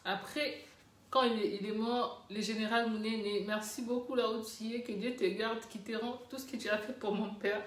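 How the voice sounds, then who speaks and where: A woman's voice: a little high, fairly even intonation, moderate pace. A woman from the Democratic Republic of the Congo, a mother giving a heartfelt, rambling personal account of her family and repeating herself. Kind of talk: casual personal testimony. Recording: roomy echo.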